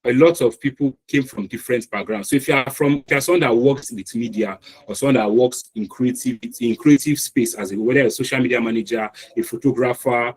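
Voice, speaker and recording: On an online meeting call, a Nigerian-accented man gives a live lecture, walking through things step by step with fillers and restarts. He talks fast with few pauses in a mid-range, breathy-edged voice, and the recording is low quality.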